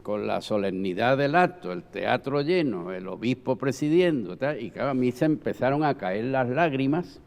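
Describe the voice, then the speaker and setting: A man's voice: mid-range voice, expressive, normal speed, gravelly, hardly any pauses, darkish tone. An older man reminisces reflectively and emphatically in a round-table talk, often checking for agreement. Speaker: panel guest, former Holy Week proclamation speaker. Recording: long hall reverb.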